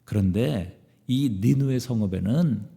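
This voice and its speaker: A man voicing God as a gentle father who reasons tenderly with his prophet, in a reverberant church. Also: medium pitch, unhurried, gravelly. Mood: fatherly. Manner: tender, coaxing explanation.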